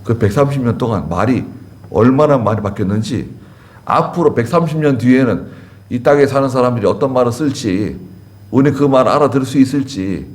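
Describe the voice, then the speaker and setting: Animated man preaching a sermon. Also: mid-range voice, brisk. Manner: conversational preaching, repeats key words, asks the congregation questions. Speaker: pastor. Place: church sanctuary.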